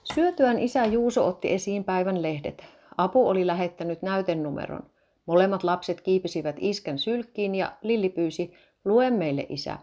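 A woman narrating a children's story in a calm, even storytelling manner. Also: mid-range voice, highs cut off. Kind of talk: storybook reading.

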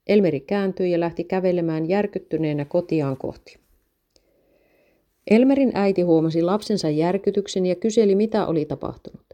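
A woman narrating a read-aloud story in a steady, measured way. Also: fairly low pitch.

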